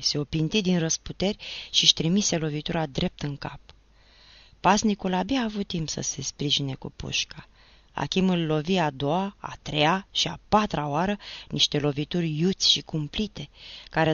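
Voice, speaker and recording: A woman's voice: deep voice, no room sound. A woman from Romania narrating a novel as an audiobook, reading with dramatic expression, in a dull lo-fi recording.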